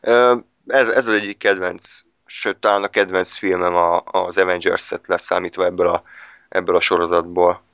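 A man with a low, smooth and resonant voice talks through superhero films in a relaxed chat. He hesitates a lot, repeating words and filling pauses as he thinks. The sound is dry and close. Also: no room sound, dull audio. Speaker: film reviewer. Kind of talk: casual film review chat.

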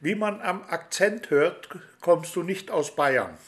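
A man with a high-sitting voice, lively intonation and a slow pace hosts a chatty, radio-style interview. His questions are rambling, friendly and full of fillers.

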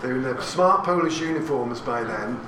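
Animated and brisk, a mid-range-voiced English man in his sixties shares a family story with a hall audience, chatty and anecdotal, with asides and questions to listeners. The room is echoey, recorded from a distance, with audience noise.

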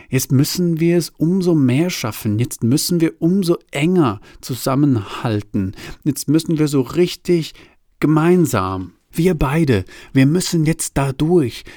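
A man's voice: on the high side, a little mellow, no echo, studio quality, pitched above the performer's own voice. A man reading aloud, voicing an awkward young man who rambles and stammers. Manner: rambling, stammering, over-earnest.

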